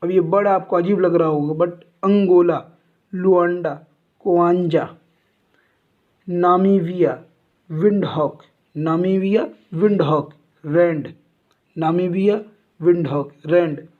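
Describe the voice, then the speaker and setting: A man's voice: sits high, fairly even intonation, slow, long pauses. A male teacher reciting a general knowledge lesson, saying each item twice like a memory drill. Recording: tinny phone-like sound.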